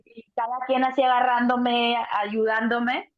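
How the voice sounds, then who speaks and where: Lively Mexican woman telling her story. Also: on the high side, unhurried. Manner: animated storyteller, acts out voices, swears casually. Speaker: doula, co-host. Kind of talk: casual conversation. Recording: dull lo-fi sound.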